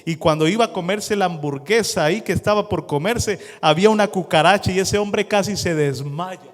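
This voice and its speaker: A man preaching from a church hall in a fairly high voice, telling stories with lots of drama. He slips into the people in his stories and then swings back to the congregation. Every word carries a long reverb through the room. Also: brisk. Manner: dramatic storytelling, acting out scenes. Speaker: pastor. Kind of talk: sermon.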